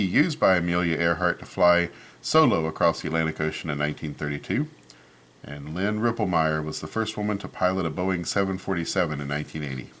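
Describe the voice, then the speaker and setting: This man's voice sits low. He's reading a children's picture book out loud with expressive storytelling and offering comments on the pages.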